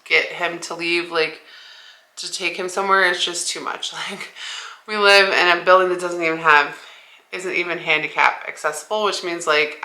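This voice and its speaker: A woman's voice: low-pitched, pushed and bright, roomy sound. A young woman talking casually to her camera in a vlog, rambling with many "like" fillers. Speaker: vlogger. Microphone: small 360 camera.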